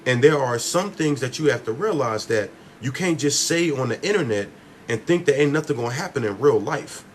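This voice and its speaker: A man speaking on a phone livestream at a middle pitch, with a faint hiss behind him. He talks casually but forcefully, emphatic and preachy, pressing every point home. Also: expressive, a little fast. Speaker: livestreamer answering comments.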